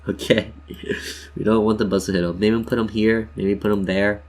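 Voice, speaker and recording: Fairly low-pitched and a little mellow, this man speaks at normal speed with a flat delivery while hosting a casual screen-share tutorial. His manner is playful and jokey, addressing "you guys" as he explains each step.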